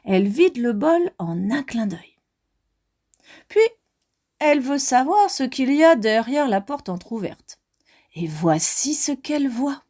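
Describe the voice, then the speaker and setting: Woman storyteller, high voice, lively sing-song, slow, reading to children. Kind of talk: read-aloud storytelling for children.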